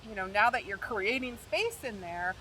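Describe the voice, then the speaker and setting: A woman's voice: medium pitch, animated, moderate pace, pushed and bright, distant mic, a little hiss or hum, rough recording. A middle-aged woman co-hosting a casual chat, talking candidly and chattily, laughing easily. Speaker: podcast co-host.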